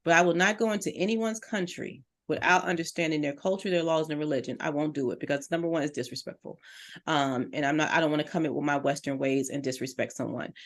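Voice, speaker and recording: A middle-aged woman working as a business coach gives direct, encouraging advice on a talk show, speaking earnestly and addressing listeners as "you." Her voice is low-pitched and quick.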